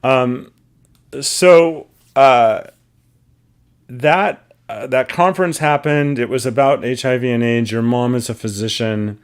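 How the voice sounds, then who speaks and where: A man's voice: medium pitch, slow pace, smooth. A man hosting his own interview show, earnest and talkative, introducing his guest and carefully crediting others. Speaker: podcast host.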